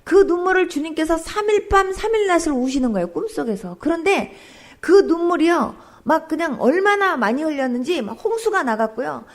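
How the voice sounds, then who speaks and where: A woman pastor telling her testimony in church, an animated storyteller who acts out sounds. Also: extremely high pitch, fairly quick.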